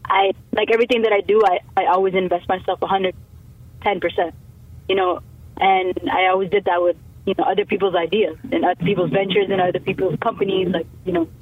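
A young Canadian musician chats casually as an interview guest over a tinny phone line, rambling with plenty of fillers and restarts. Her voice is medium in pitch, steady and brisk, with a breathy edge.

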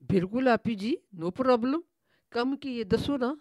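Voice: mid-range voice, dry recording, pitched above the performer's own voice, natural voice. A storyteller voicing a chirpy, talkative village woman servant. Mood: cheeky.

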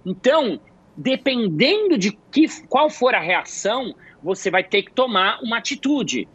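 A man's voice: very high-pitched, a little slow, slightly rough, no echo. A man who works as a hospital clown, telling stories in casual conversation and acting out the voices of the people in them. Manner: animated, acts out quotes with shifting voices. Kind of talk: conversational storytelling. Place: at home. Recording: dull lo-fi dry sound.

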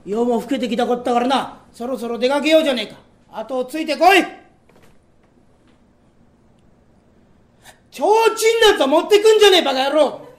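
A man performing comic storytelling, voicing a gruff, bossy male thief chief who scolds in rough street talk. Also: very high voice, fast, pitched below the performer's own voice. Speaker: rakugo storyteller.

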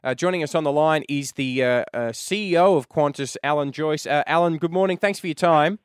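A man's voice: a little high, fairly quick, smooth, no room sound, clean studio sound. A man with an Australian accent hosting breakfast radio, upbeat and teasing as he runs the segment. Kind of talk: comic radio banter. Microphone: studio mic.

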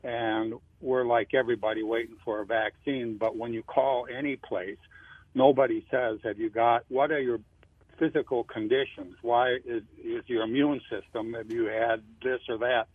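An older man calling in to a radio show over the phone, asking his question in an earnest, rambling way with halting restarts. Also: mid-range voice, steady tone, slightly rough, no room sound. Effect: heard over a phone line. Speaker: caller. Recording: tinny dry phone line.

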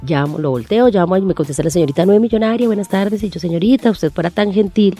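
Animated Colombian woman telling a story. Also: medium pitch, fast, soft background music. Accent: Colombian Spanish. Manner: vivid storyteller who acts out the voices of others. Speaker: guest, lottery winner.

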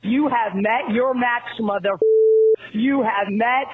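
High-pitched woman leaving an angry, threatening voicemail. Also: takes it slowly, heavy background noise. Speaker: television news anchor. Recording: tinny phone voicemail line.

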